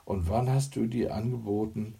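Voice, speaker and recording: A man's voice: lowish voice, steady tone, moderate pace, creaky, dark tone. A man voicing a mocking, curt 45-year-old secretary in an audiobook. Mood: sardonic. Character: sardonic 45-year-old secretary woman, brusque.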